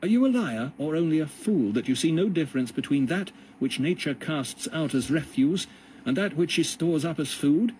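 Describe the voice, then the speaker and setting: A man's voice: animated, normal speed, a little mellow, slight background noise, close to an everyday voice, poor audio. A man voicing a desperate young man who cries out in anguish and indignation in a storybook reading. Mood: indignant. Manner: raised, fervent, high-pitched outbursts.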